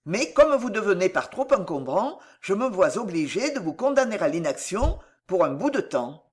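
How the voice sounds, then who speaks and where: A seasoned swordsman from a storybook, voiced by an audiobook narrator, speaks with calm, cutting irony. The voice sits in a middle pitch but moves around a lot. It is measured and unhurried, even in a fight. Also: lightly acted. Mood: calm grave. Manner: calm, dry and mocking. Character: cool, ironic male swordsman, seasoned fighter. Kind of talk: audiobook character voice.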